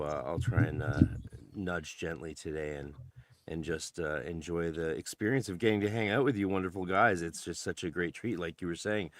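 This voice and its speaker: A man chats on a podcast roundtable in a halting way, full of fillers, with a gently humorous tone. His voice is very low. The recording is dry and close. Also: dry recording. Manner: hesitant, many fillers and restarts, gently humorous. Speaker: podcast co-host. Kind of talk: casual roundtable chat.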